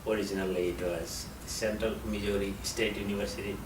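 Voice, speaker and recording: A middle-aged man from Nepal with a Nepali accent, answering interview questions in a halting way with many fillers. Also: lowish voice, little pitch movement. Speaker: interviewee, geography professor. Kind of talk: conversational interview. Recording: roomy and distant, with loud background noise.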